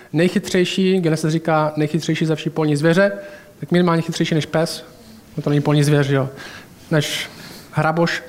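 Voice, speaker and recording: A man's voice: fairly high pitch, darkish tone. A man preaching a sermon in a colloquial, chatty way, mixing in personal anecdotes and asides.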